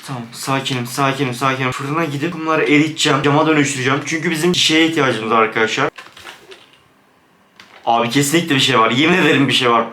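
A man commentating a Minecraft let's play, jumpy and excitable, dropping to hushed, scared whispers. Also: mid-range voice, quick pace, echoey room, slight background noise. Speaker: gaming YouTuber.

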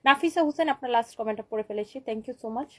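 On a live stream with rough recording quality, a high-voiced boutique owner sells dresses and reads out viewer comments. She talks at a quick pace with a fairly bright tone, chatting in Bengali with English words and repeatedly asking "okay?".

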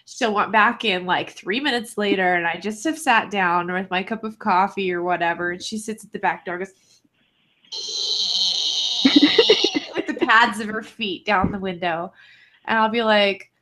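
A woman's voice: medium pitch, unhurried, bright, forceful tone, a little hiss or hum. A woman in a casual chat who laughs often and swears casually while telling stories. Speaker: co-host of a group chat.

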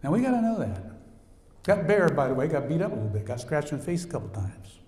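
A man preaching a sermon as pastor, telling a story with lively sound effects and swings in energy. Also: a little high, fast talker. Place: church sanctuary. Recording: echoey church hall.

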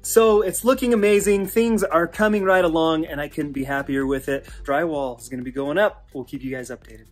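Brisk and barely pausing, a physical therapist in his thirties who runs a fitness channel films a casual home-renovation vlog in his unfinished basement, speaking in a slightly high, steady voice. He stays upbeat and keeps saying "you guys" to viewers. Audio comes from the camera mic, often held at arm's length, with echo from the bare room and faint background music.

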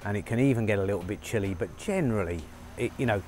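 A man's voice: fairly low pitch, animated, quick pace, a little mellow, a little hiss or hum. Chatty middle-aged man outdoors. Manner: chatty, upbeat, many fillers. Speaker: vlogger on his farm. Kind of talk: casual vlog narration to camera. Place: outdoors on a rural farm, rainy. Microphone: lapel mic.

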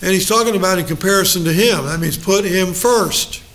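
A man's voice: high-pitched, brisk, fairly bright tone. A middle-aged male pastor leading a Bible study, folksy and joking, acting out little quotes.

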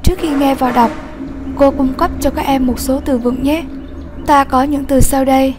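A woman teacher giving a lesson, explaining slowly, patiently and clearly. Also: high-pitched, steady tone, noisy background. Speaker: English teacher. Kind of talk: classroom lesson narration.

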